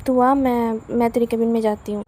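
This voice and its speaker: A woman's voice: on the high side, fairly even intonation, a little fast, dark tone, slight background noise, close to an everyday voice, poor audio. A woman storyteller voicing Neha, a playful young woman who teases her best friend. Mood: teasing. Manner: teasing, playful.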